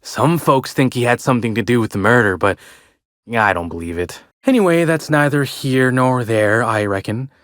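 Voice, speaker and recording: Casting: male actor for a chirpy, folksy American bellhop, old-fashioned and talkative, game dialogue, medium-pitched and dry. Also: animated, moderate pace, fairly bright tone, no echo, natural voice. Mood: helpful, confiding. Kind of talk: video game character dialogue.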